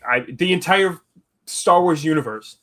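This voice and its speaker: A man's voice: a little high, a little slow, fairly bright tone. A man co-hosting a podcast, chatting casually through a recap, rambling with restarts and acting out quotes. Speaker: podcast co-host.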